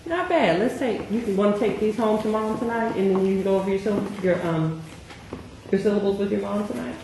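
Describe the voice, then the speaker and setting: A woman tutoring a child in reading, asking patient questions and praising often. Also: mid-range voice. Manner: patient, encouraging, slow questioning prompts. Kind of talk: one-on-one phonics tutoring. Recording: very echoey room, faint noise.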